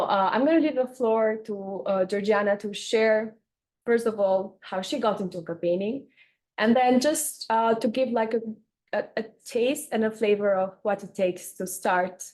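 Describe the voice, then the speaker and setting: A woman moderating a panel, introducing a speaker informally in a halting way, rephrasing as she goes. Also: mid-range voice, a little mellow.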